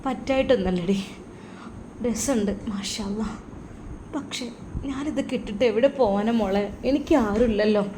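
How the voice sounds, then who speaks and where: A woman doing a sad, gentle elder sister. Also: medium pitch, moderate pace, long pauses, a little hiss or hum, close to an everyday voice. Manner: soft, resigned, sorrowful.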